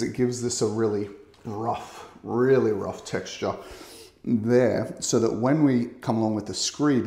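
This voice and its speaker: Relaxed man in an echoey bathroom. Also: on the low side. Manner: relaxed, explanatory, with fillers. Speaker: waterproofing expert. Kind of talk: on-site walkthrough explanation. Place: bathroom under renovation, indoors. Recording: echoey small tiled room.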